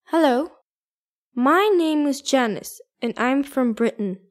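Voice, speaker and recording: A woman playing a high-voiced schoolgirl, thirteen. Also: lively intonation, slow pace. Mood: cheerful. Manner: bright, clear, careful. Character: cheerful thirteen-year-old British schoolgirl. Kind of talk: scripted textbook dialogue.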